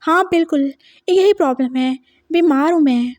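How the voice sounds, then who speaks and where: Woman reading as a lovesick young man, clingy, pleading, flustered, high voice, dry close sound. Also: a little mellow, no echo, lightly acted. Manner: pleading, teasing, quick to get defensive.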